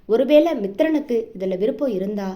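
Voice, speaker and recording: Lady doing a cheeky young girlfriend, teasing and bossy, soft warm voice. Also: on the high side, expressive, normal speed, natural voice. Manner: teasing, scolding. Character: teasing young woman friend, sharp-tongued.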